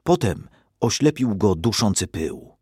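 Husky low-voiced male storyteller. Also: sing-song, measured pace, dark tone, no echo, studio quality. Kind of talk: storybook narration.

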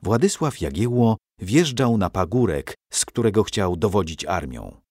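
A man narrating a historical story for children in an expressive, dramatic reading. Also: fairly low pitch, normal speed, slightly rough, no room sound, clean studio sound.

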